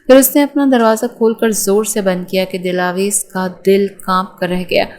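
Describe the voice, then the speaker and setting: A woman with a medium-pitched voice narrates a romance novel as an audiobook, reading aloud in a steady storytelling manner.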